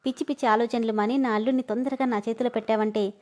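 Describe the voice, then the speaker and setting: A woman voicing a caring, talkative sister-in-law who consoles and gently scolds. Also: on the high side, steady tone, fast, lightly acted. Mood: consoling.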